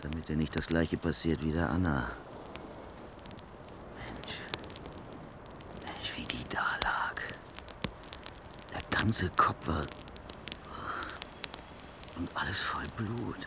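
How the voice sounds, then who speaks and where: Brooding street tough. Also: male voice, rumbling low, animated, a little slow, long pauses, background noise, heavily acted. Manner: brooding, muttering, sudden outbursts. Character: unsettling rough homeless man by a fire. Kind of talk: radio drama acting.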